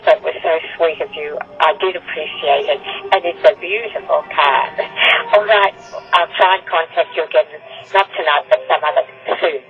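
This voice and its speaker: A woman's voice: deep voice, moderate pace, soft background music. Older woman over a landline phone. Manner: polite, chatty, a little hesitant and repetitive. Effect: over a landline phone, on an answering machine. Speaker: caller leaving phone messages. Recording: tinny landline answering-machine recording.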